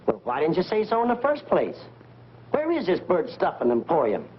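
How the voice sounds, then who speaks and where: An actor playing a jumpy photographer, the comic sidekick in a 1940s B-movie. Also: male voice, a little high, huge pitch swings, normal speed. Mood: comic, puzzled. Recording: muffled, noisy vintage film soundtrack.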